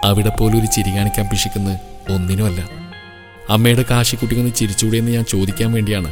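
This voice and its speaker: A man's voice: lowish voice, little pitch movement, quick pace, natural voice. A man voicing a grieving, choked-up mother. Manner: sorrowful, choked. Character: grieving middle-aged mother. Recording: reverberant audio with soft music.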